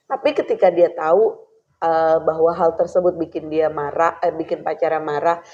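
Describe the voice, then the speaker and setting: A middle-aged woman, a former radio announcer chatting as a guest, animated and quick to laugh. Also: sits low, dull audio. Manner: lively, animated, laughs often, acts out voices. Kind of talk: casual chat with radio-announcer flair.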